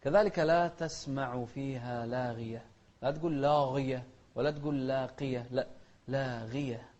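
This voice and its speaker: A man's voice: medium pitch, normal speed, a little mellow. A middle-aged man, teaching Quran recitation and correcting common pronunciation mistakes with a firm "no". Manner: contrasts wrong and right pronunciations, firm "no". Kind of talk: tajweed instruction, correcting common errors. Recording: dull lo-fi recording.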